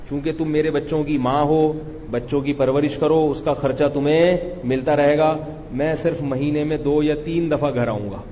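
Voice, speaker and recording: A man giving a conversational sermon, animated and often acting out quarrelling people. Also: on the high side, a little hiss or hum. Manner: conversational, animated, acts out quarrels and shouting speakers. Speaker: Islamic scholar giving a lecture. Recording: muffled lecture recording with long hall echo.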